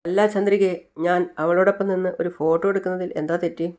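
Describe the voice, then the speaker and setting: A man's voice: high-pitched, quick pace, lightly acted. A narrator retelling a TV serial scene, voicing Siddhu, an easygoing young man who teases and chuckles. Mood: teasing. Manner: relaxed, teasing, chuckling.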